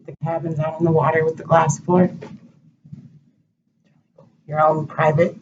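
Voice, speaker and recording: A woman, co-hosting a casual chat and teasing her partner with quick, playful remarks. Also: deep voice, flat delivery. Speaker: co-host. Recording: distant muffled home recording with light hiss.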